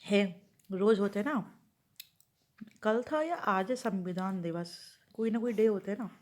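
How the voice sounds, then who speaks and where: Woman vlogger, mid-range voice, chatty home vlog, rambling thoughts out loud to viewers. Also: medium pitch, a little slow. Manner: rambling, thinking aloud to viewers.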